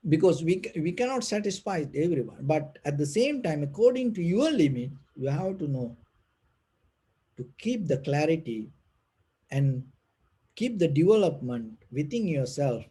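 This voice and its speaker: A man who speaks English as a second language gives an unscripted spiritual talk as a meditation teacher, gentle and halting, with a soft breathy voice and repeated phrases. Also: a little high, big pitch swings. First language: not English.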